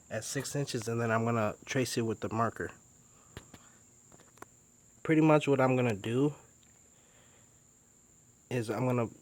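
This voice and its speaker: A man with an ordinary mid-range voice talks through his workshop project in a loose, unscripted way. He explains each step plainly, pausing with "uh" and "um" as he works. Crickets chirp faintly in the background. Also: medium pitch. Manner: relaxed, chatty, step-by-step explaining with fillers. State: a little out of breath. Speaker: DIY boat builder. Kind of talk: casual how-to narration.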